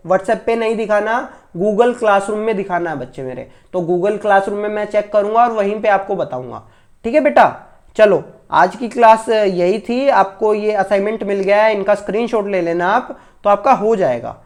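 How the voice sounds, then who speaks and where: A male teacher with a high, expressive voice and moderate pace delivers an online maths lecture to children. He's patient and repetitive, keeps checking that the pupils understand, and fondly refers to them as children.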